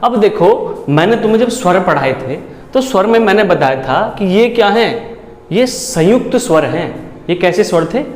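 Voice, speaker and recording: A man's voice: sits high, animated, normal speed. A male teacher giving a whiteboard grammar lesson, repeating himself and quizzing his students with rhetorical questions. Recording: echoey room with faint background noise.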